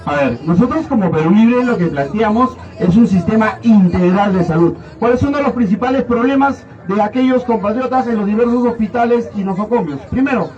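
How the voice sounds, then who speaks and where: Formal candidate, muffled sound. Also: male voice, sits high, a little fast, few pauses, a little mellow. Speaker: senate candidate. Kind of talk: campaign debate speech. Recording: muffled distant recording with some crowd.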